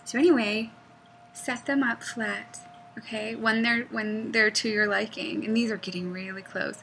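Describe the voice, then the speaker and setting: Woman, crafter, rambling chatty tutorial, bright slightly high voice. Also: moderate pace, a little hiss or hum, low-quality recording. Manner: rambling, chatty, goes off on tangents; animated, laughs often. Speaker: knitting pattern designer.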